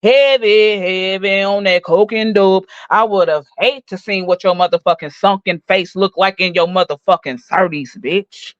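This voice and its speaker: A woman in her forties delivering a profane, mocking rant full of loud insults as she roasts someone on her stream. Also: mid-range voice, no room sound. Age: 40s. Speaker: livestream host. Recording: dull dry lo-fi recording.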